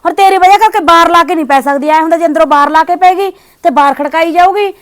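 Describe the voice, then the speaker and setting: A woman's voice: extremely high pitch, fast, fairly bright tone. A woman playing a cold, nagging daughter-in-law who scolds and dismisses her mother-in-law. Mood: scolding. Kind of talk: village short-drama acting.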